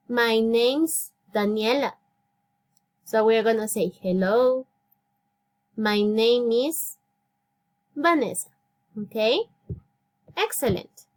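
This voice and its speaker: A woman in her thirties with an Ecuadorian accent, whose first language is Spanish, teaches a beginner English class. Her voice sits high, and she speaks slowly and deliberately. She repeats each phrase and praises her students often. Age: 30s. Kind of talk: slow, clear classroom instruction.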